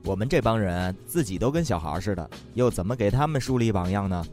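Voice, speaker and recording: A man with a Northeastern Mandarin accent hosting a radio comedy, telling stories in a teasing, lively way. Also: fairly low pitch, fast. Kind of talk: comic storytelling. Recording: faint background music.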